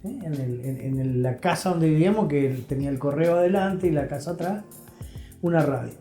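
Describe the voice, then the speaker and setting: Faint music plays in a roomy, echoing space as an Argentine man, interviewed as a guest, reflectively recounts and explains things. He talks fairly quickly in a warm, slightly high voice, stressing points and slipping in short check-in questions.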